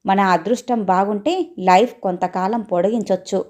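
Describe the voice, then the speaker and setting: A woman voicing a calm, reassuring male doctor in a storybook reading. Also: mid-range voice, moderate pace, close to an everyday voice.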